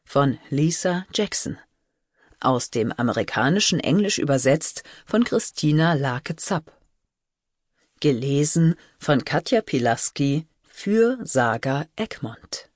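A woman narrating an audiobook in slow, measured storytelling, close to a studio mic. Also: low-pitched, expressive, darkish tone, dry recording.

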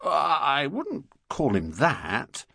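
A man voicing a brisk, harried middle-aged husband in an audiobook. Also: a little high, huge pitch swings, vocal fry, pushed and bright, slightly rough, no echo, studio quality, voice pushed up, full character voice. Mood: exasperated. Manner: brisk, exasperated.

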